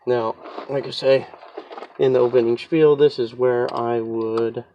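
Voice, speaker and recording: A man's voice: medium pitch, fairly even intonation, measured pace, muffled recording, a little hiss or hum. A man with a stuffy, sniffly cold talks through a car repair in a chatty, rambling, self-deprecating way, working outside in a yard. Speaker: home mechanic demonstrating a repair. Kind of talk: casual how-to car repair walkthrough. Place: outdoors in a yard on a slope.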